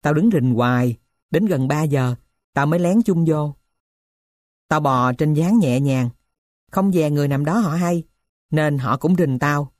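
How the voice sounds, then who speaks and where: A woman voicing a poor middle-aged male thief who tells his story in a rough, blunt way. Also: low-pitched, measured pace, pauses often, darkish tone, no echo, studio quality. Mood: gruff.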